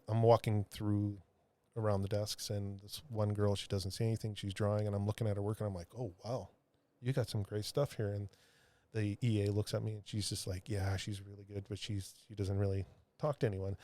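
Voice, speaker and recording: A man, a comic book artist, telling a heartfelt story in a podcast interview, halting with many restarts and fillers. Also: on the low side, flat delivery, dark tone. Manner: earnest, heartfelt.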